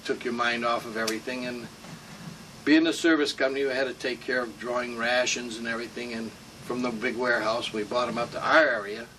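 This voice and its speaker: Recalling his time in the war, an old American veteran gives a rambling, salty, informal oral-history reminiscence. He speaks fairly quickly in a mid-range voice that's bright and forceful. Recorded with a distant microphone, room hum is audible.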